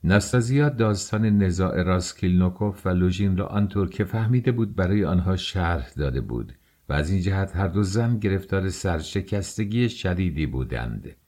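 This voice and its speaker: A man reading a novel aloud as an audiobook narrator, measured and even. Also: low-pitched. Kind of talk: scripted narration.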